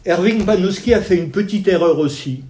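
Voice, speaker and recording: A man's voice: high-pitched, animated, brisk, mellow. A man lecturing on art history at an evening talk, explaining paintings step by step while pointing out details and talking with his hands. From Italian family background.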